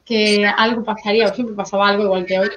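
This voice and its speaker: A woman's voice: mid-range voice, level tone, quick pace, crowd noise. A woman from Spain hosting a casual live-stream chat, talkative and slipping English words into her Spanish. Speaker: host. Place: home in the United States.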